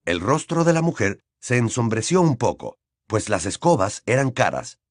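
A man reading a novel aloud as an audiobook narrator, in measured storytelling. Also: mid-range voice, very animated, no room sound, studio quality. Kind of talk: scripted narration.

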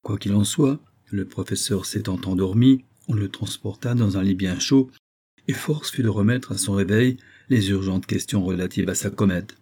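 A man narrating an audiobook in a measured, expressive reading. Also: fairly low pitch, breathy edge.

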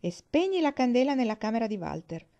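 A woman's voice: fairly high pitch, sing-song, fairly quick, mellow, pitched above the performer's own voice. A woman doing a stern scolding mother. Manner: calling out, scolding. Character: stern adult woman calling children. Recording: dull lo-fi recording.

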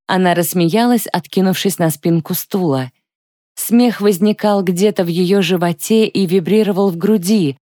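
A woman narrating an audiobook with a calm, even reading close to the microphone. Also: on the low side, moderate pace, no echo. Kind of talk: scripted narration.

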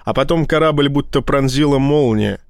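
A man reading a tense science fiction audiobook in a steady storytelling voice. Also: medium pitch, normal speed, creaky, no echo, studio quality. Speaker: audiobook narrator. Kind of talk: scripted narration.

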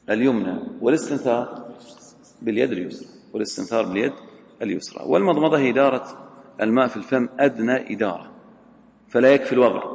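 A man's voice: fairly low pitch, vocal fry, a little mellow. A man giving a religious lesson, reading a text aloud, then explaining it and quizzing his students. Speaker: religious teacher. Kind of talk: classroom lesson on a legal text. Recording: roomy hall with long echo.

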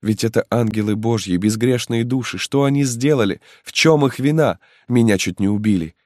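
A man's voice: medium pitch, moderate pace, darkish tone, no echo, studio quality, pitched above the performer's own voice, close to an everyday voice. A man voicing a desperate young peasant mother who wails and pleads for help. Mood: frantic. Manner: pleading, wailing cries for help.

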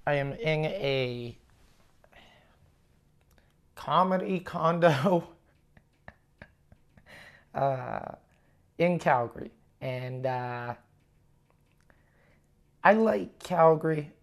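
A man hosting a casual solo podcast, rambling and halting with frequent swearing, recorded on a lav mic in an echoey room. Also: a little high, lively intonation, creaky. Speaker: podcast host and touring stand-up comedian. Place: condo room, indoors. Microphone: lavalier plugged into portable recorder.

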